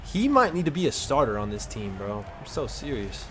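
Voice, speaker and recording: A man giving casual, excited play-by-play commentary over a basketball video game, with slang in his talk. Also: mid-range voice, fairly quick, noisy background. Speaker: gaming content creator.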